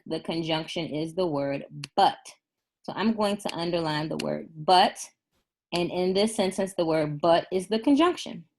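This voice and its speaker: Woman, first grade teacher, patient, encouraging, drags out example sentences slowly, computer mic. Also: lowish voice. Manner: slow, deliberate dictation of sample sentences. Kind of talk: recorded remote lesson.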